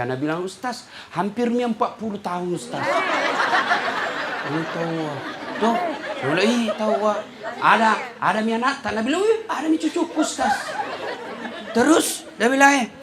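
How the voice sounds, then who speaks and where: Male preacher, bright animated delivery, plays out his stories' voices, faint hall noise. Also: a little high. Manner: playful storytelling, acting out quoted voices. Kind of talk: humorous sermon to a congregation.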